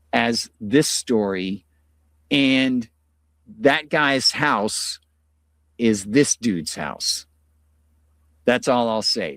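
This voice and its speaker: A man's voice: mid-range voice, dry recording, studio quality. A middle-aged man from the United States hosting a live stream, chatting in a rambling, casual way with many fillers and sounding tired from illness. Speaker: host.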